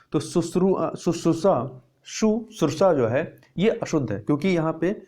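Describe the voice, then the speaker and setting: A young man talks through exam answers as a Hindi grammar teacher, with a mellow, darker tone set a little high. He repeats key words and asks himself questions before answering them. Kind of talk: explaining test answers.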